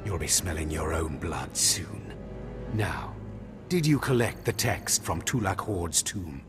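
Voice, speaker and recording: A scornful Sith overseer barks cold orders in a space fantasy game. The voice sits low and steady, each word laced with contempt. Faint music plays underneath. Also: male voice, takes it slowly. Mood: contemptuous. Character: harsh male Sith overseer, contemptuous bully. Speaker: academy overseer.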